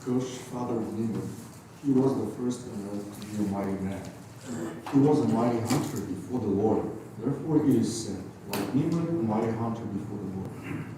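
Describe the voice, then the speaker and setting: A man in a study group quietly reads a scripture passage in a lowish voice. He is far from the mic in a very echoey room, with a clear hiss behind. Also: normal speed. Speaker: Bible study participant reading aloud. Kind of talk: reading scripture aloud.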